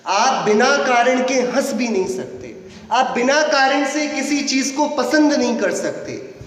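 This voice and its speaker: A man's voice: very high-pitched, expressive, a little slow. A man giving a sermon as a preacher, questioning his audience playfully and then answering himself. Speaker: Jain preacher. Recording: echoey hall from far off.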